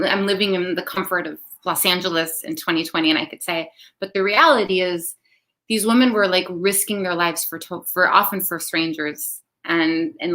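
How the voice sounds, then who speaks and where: A woman filmmaker reflects on her work at a panel Q&A in a somewhat low voice. Her tone is bright and pointed, and she speaks thoughtfully. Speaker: filmmaker guest. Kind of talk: answering in a panel Q&A.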